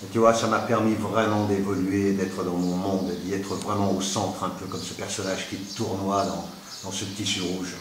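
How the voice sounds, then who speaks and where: A man playing a self-assured artist who talks calmly about his work, his voice ringing with a cathedral echo in a vast hall. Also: sits low, moderate pace. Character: man, successful artist now living in the mountains, friendly and self-assured. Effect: cathedral echo, voice ringing in a vast resonant hall. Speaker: artist, sculptor and painter. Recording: cathedral-like echo, faint noise.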